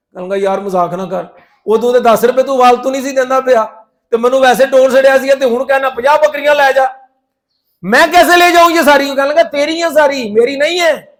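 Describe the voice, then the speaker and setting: A man delivers a sermon in a high, bright voice. He tells stories animatedly, acting out the voices of the people in them. He moves between loud, urgent stretches and hushed ones. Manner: animated, acts out quoted voices, swings from loud to soft. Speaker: preacher. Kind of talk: sermon storytelling.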